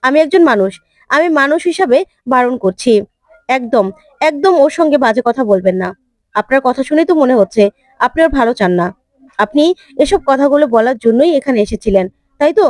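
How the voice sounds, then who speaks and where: An indignant young man firing heated, challenging questions, voiced by a woman narrator. The delivery runs very high and loud, with a dry, close sound. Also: expressive, fairly quick, pauses often, dry recording.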